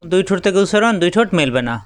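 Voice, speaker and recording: Methodical male Quran teacher, smooth voice. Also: high-pitched, animated. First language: Bengali. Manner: methodical, repeats each letter name with drawn-out vowels. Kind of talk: spelling out Arabic letters with pronunciation drills.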